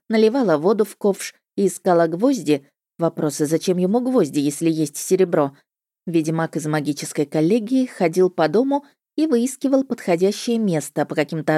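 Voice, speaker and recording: Woman reading a fantasy audiobook, low voice, wry and lively, dry close sound. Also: fairly quick, no echo. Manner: lively, wry storytelling with sharp retorts. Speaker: audiobook narrator. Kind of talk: first-person fantasy audiobook narration.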